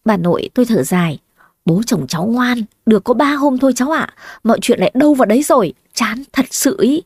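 A woman's voice: fairly high pitch, animated, brisk, a little mellow, slightly rough, no echo, studio quality. Woman voicing a fretful grandmother. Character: fretful old grandmother, pleading and scheming.

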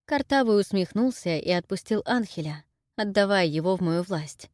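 A woman narrates a story in the first person with a lively, expressive reading. Her pitch moves a lot, and the recording is dry and close. Her voice sits in a middle register for a woman. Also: normal speed, no echo. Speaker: audiobook narrator.

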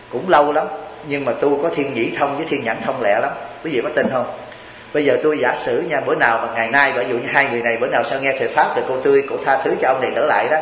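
A man's voice: medium pitch, fairly bright tone, roomy sound, in a large hall, a little hiss or hum, low-quality recording. A Buddhist monk from Vietnam gives a chatty, joking sermon, teasing his listeners and asking them rhetorical questions.

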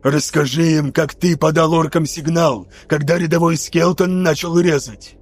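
A man voicing a furious veteran male sergeant-major, gruff and menacing. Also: on the high side, fairly even intonation, moderate pace.

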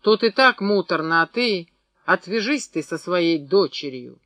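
A man reading the part of a gruff, irritable old peasant husband who snaps his lines. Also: high-pitched, animated, measured pace, no echo, heavily acted. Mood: irritated.

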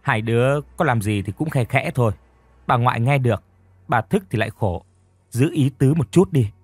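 A man's voice: mid-range voice, animated, normal speed, slightly rough, dry recording. A man voicing a flustered middle-aged mother who exclaims and stammers. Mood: hinting.

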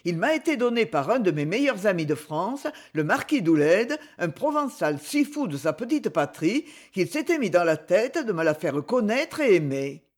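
A reader voicing a proud young English duke, speaking in measured, haughty sentences. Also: mid-range voice, big pitch swings. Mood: courteous.

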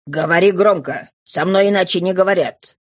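A woman's voice: on the low side, moderate pace, no room sound, close to an everyday voice. A woman voicing a harsh, mocking male police inspector who barks orders, in a storybook reading. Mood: scornful, commanding. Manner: barking, scornful.

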